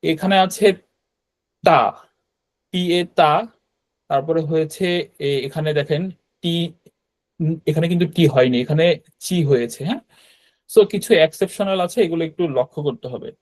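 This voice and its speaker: A man with a somewhat high voice leads a live online class. He walks through each point patiently, pausing often with fillers as he goes. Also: a little mellow. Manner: explains step by step with many hesitations. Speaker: language teacher.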